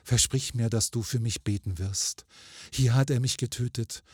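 A man's voice: mid-range voice, normal speed, husky, no room sound, clean studio sound, natural voice. A man voicing the faint, sweet ghost of a murdered young woman in a storybook reading, pleading and lamenting.

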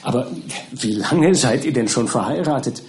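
A man voicing a warm-hearted elderly gentleman, eager and fond, quick to wonder. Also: mid-range voice, expressive, natural voice. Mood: delighted.

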